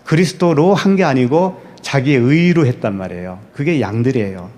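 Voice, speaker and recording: A man's voice: medium pitch, expressive, moderate pace, darkish tone. A man preaching a sermon as pastor. He asks the congregation rhetorical questions, answers them himself, and repeats key words for emphasis.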